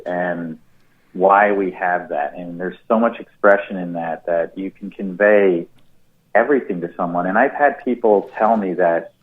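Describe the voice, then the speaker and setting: A man with a very deep voice speaks as an author guest on a radio show. He talks in an earnest, reflective way. His voice comes through a thin, tinny phone line. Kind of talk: casual radio interview talk.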